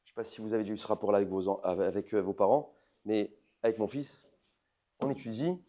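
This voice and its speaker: Emphatic man lecturing, dark mellow voice. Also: lowish voice, fairly even intonation, fast talker. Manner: swings between loud emphatic outbursts and soft intimate asides; addresses the audience directly with questions. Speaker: rabbi giving a lecture. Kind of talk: lively religious lecture to an audience.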